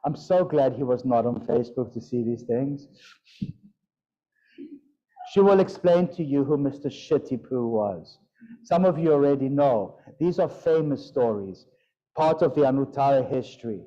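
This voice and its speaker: A man's voice: medium pitch, lively intonation, measured pace, pauses often, dark tone. A man teaching a yoga and Sanskrit pronunciation class, playful and demonstrating sounds aloud. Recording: dull lo-fi sound.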